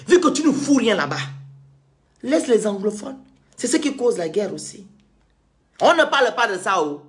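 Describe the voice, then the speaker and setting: A man's voice: high voice, very animated, moderate pace. A man from Cameroon, delivering an indignant, sarcastic monologue rant as a vlogger.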